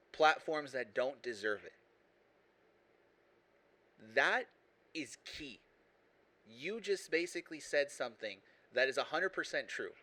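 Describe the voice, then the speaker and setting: A man's voice: a little high, pushed and bright, low-quality recording. A man hosting a casual podcast chat, talking emphatically and pressing his points. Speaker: podcast host.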